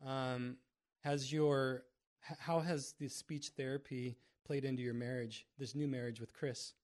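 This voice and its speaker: A man's voice: medium pitch, steady tone, a little slow, darkish tone. A man who says he mumbles, speaking in a casual podcast chat. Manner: self-described mumbler.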